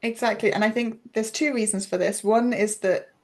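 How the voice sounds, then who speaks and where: A woman's voice: on the high side, fairly even intonation, normal speed, darkish tone. Woman explaining pronunciation teaching. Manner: thoughtful, explains at length. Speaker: interview guest, pronunciation coach. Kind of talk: casual interview chat.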